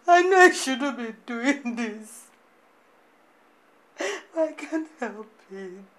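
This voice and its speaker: Actress as a young woman, tearful, pleading, slightly high voice, very slow delivery. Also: lively intonation, heavily acted. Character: pregnant young woman pleading with her lover.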